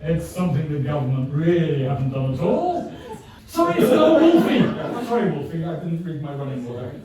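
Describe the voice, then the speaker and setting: A man's voice: on the high side, big pitch swings, brisk, a loud crowd. A man in his sixties hosting his own gig, chatting between songs in a jokey, rambling, self-mocking way. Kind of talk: chatty between-song banter. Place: live music venue. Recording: echoey venue from far off, music behind.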